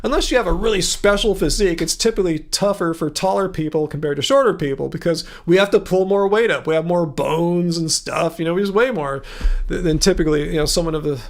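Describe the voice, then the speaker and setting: A man with a high-pitched voice speaks fast while hosting a casual livestream from a room at home. He reads viewer comments aloud and answers them in a chatty, rambling way.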